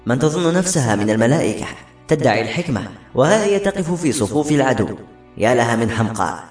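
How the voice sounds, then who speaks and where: A man's voice: medium pitch, sing-song, fast talker, darkish tone, natural voice. A man voicing an arrogant, hateful husband and father who speaks with scorn and contempt. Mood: scornful. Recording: roomy echo, faint music behind.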